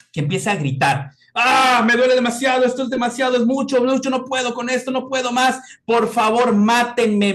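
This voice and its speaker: Casting: middle-aged man, lecturing, lively pitch, raised voice. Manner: animated, acts out quoted voices. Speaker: mental health speaker. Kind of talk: lecture-style talk.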